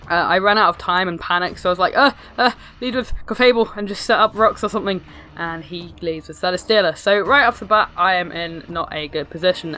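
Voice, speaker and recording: A woman with a hoarse, sick-sounding smoker's rasp, giving casual, sarcastic, sweary game commentary. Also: on the low side, pushed and bright. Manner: sarcastic, self-deprecating, sweary. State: ill, hoarse. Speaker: video host narrating own battle. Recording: music behind the voice. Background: music.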